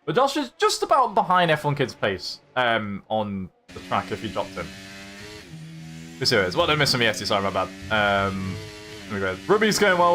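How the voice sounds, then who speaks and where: A man's voice: mid-range voice, a bit bright. A young man hosting a live-streamed racing league, commenting on strategy and teasing his chat in a jokey, chatty way.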